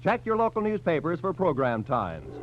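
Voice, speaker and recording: Heard in a dull recording from 1940s radio, an American announcer reads scripted credits and promotions with polished, emphatic formality. His voice is a little high, swings hugely in pitch, and runs at a normal speed.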